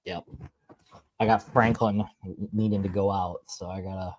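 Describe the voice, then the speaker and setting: A man's voice: low voice, little pitch movement, normal speed, a little mellow. A man from Australia co-hosting a casual sports podcast, easygoing and agreeable, often answering briefly. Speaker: podcast co-host.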